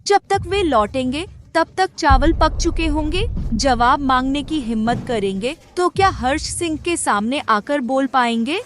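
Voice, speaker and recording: An actress playing a haughty, scheming mistress of the house who sneers and gives orders, in dubbed drama acting. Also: female voice, high-pitched, expressive, measured pace. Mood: sneering. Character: haughty, scheming stepmother, middle-aged woman.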